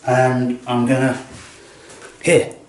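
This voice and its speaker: A man with a mid-range, darkish voice speaks slowly and in a monotone, murmuring casually to a pet while filming himself feeding it at home. He coaxes it in a blokey way, calling it "mate." The room is echoey, with faint noise and clicks.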